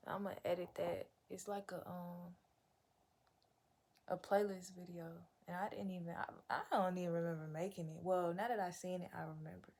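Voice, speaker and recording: A woman's voice: lowish voice, flat delivery, moderate pace, a little mellow. A young woman chatting casually to viewers as a vlogger, in an unfiltered, rambling, slangy way with plenty of swearing. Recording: clear background noise, room ambience.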